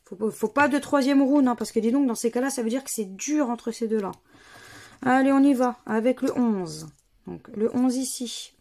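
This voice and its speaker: A slightly high, darkish female voice at a moderate pace belongs to a vlogger playing scratch games. She keeps up casual commentary and reads out letters and numbers individually, in careful order.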